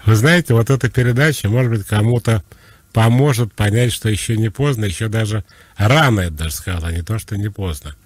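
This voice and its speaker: Man giving calm psychological advice. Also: on the low side, fairly quick, husky, no echo. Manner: relaxed, conversational, explaining. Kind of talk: radio call-in advice.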